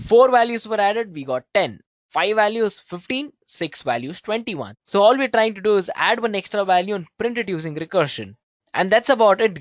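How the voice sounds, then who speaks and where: This muffled recording, with no room sound, carries a mid-range voice teaching programming. The instructor goes through the code step by step in a casual, conversational way, often checking in with learners through tag questions.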